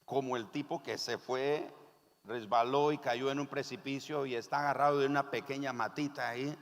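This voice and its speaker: A male pastor with a Nicaraguan accent preaching a sermon, telling stories in an animated way and leading the congregation in repeating phrases. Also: mid-range voice, moderate pace. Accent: Nicaraguan Spanish. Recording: reverberant church hall.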